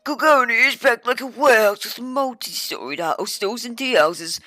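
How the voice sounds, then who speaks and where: Wise old man, grand storytelling delivery, higher and brighter voice, put on by a woman. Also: moderate pace, no room sound, soft background music. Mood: grandiose.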